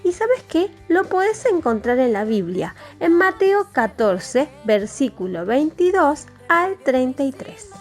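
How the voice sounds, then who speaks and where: A woman's voice: high voice, sing-song, takes it slowly, few pauses, faint music behind. A woman with an Argentine Spanish accent telling a Bible story to young children, in a sing-song, exaggerated storytelling manner. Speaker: children's Bible class teacher.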